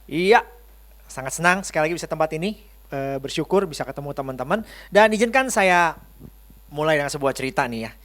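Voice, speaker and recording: A man preaching in a relaxed, joking way, with an easy chatty manner and frequent calls to the congregation. His voice sits a little high for a man, and the sound is dry and close with almost no room echo. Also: fairly quick. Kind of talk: casual, joking sermon. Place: church service.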